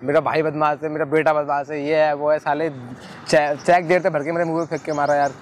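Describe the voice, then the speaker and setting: A man's voice: on the high side, level tone, brisk. A young man vlogging, defiant in an argument, then talking to the camera in a reflective way. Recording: noisy outdoor street with traffic.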